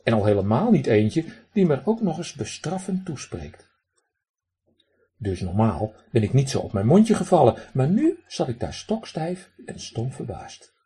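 A man narrating a story in the first person, lively and speaking directly to the listener. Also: medium pitch, unhurried, breathy edge.

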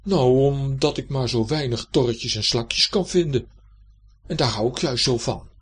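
A man voicing a grumpy, noisy male hedgehog in a children's story, in a loud, grumbling way. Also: high-pitched, wildly swooping pitch, a little fast, slightly rough, pitched above the performer's own voice, heavily acted.

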